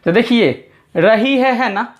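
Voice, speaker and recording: A man teaching English grammar as a classroom lesson, patiently spelling words out letter by letter and repeating phrases. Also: very high voice. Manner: patient, explains slowly and step by step.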